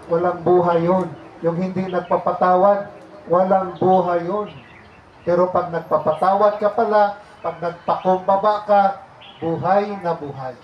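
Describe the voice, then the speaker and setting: A man's voice: high voice, roomy sound, highs cut off, a little hiss or hum. A man, a priest, giving a homily to a congregation in a conversational way, asking them questions and slipping in English phrases.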